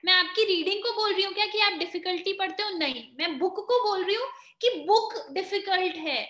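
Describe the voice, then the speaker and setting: A woman's voice: very high-pitched, fairly quick, pushed and bright, roomy sound. A woman with an Indian accent teaching grammar in an online exam-prep lesson, explaining step by step and quizzing her students. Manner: explains in mixed Hindi and English, quizzing students.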